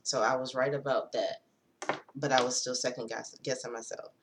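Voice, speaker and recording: A woman's voice: extremely low pitch, fairly even intonation, moderate pace, background noise. A woman vlogging to her viewers in a chatty, casual way, swearing freely and calling them y'all. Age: adult with a daughter. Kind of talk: casual chat to camera.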